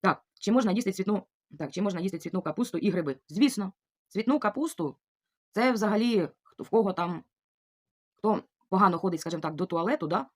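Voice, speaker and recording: Speaking fast at a medium pitch with lively intonation, this middle-aged woman from Ukraine answers viewer comments in her vlog. Her manner is warm and chatty, and she repeats her thanks over and over.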